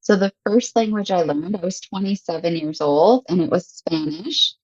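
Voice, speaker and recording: A woman in her thirties from Michigan, an English teacher, is the guest in a laid-back conversation, chatting and often laughing. Her voice is on the low side with a darkish tone and a moderate pace. The recording is muffled, with no room sound.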